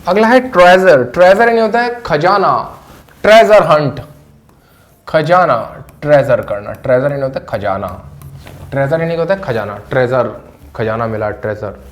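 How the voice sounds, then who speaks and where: A man's voice: on the high side, expressive, moderate pace. Hindi-accented man drilling English vocabulary. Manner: repetitive, drilling each word several times. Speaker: English teacher. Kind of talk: vocabulary lesson to camera. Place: classroom with a board.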